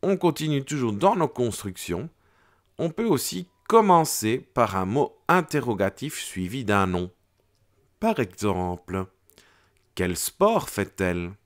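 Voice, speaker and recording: A man teaching a French grammar lesson to children, explaining slowly and clearly and acting out the intonation of his example sentences. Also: mid-range voice, big pitch swings.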